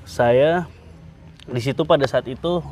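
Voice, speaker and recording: An interview guest, a man speaking at an ordinary middle pitch. He tells his story earnestly. He pauses often and fills the gaps with hesitant sounds. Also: a little mellow. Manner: earnest, hesitant with many "eh" fillers. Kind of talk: interview, personal account.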